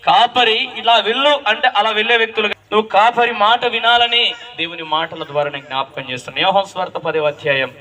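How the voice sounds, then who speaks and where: A man's voice: high-pitched, fast, sharp tone. A man preaching a call-and-response sermon, questioning the congregation and repeating key phrases with rising emphasis. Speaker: pastor.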